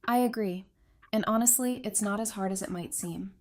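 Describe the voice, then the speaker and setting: In an audio drama, a woman plays a composed, tough-minded therapist who speaks in a measured, dry, self-assured way with a firm mood. Her voice is mid-range, close to an everyday voice.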